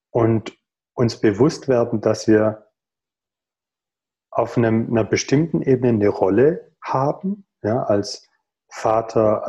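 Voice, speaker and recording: A man's voice: on the low side, dark tone. A man in his thirties talking earnestly over a video call from a room at home, reflective and full of rhetorical questions. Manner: thoughtful, earnest, rhetorical questions, many pauses. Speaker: guest in a video call conversation. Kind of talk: reflective conversational explanation.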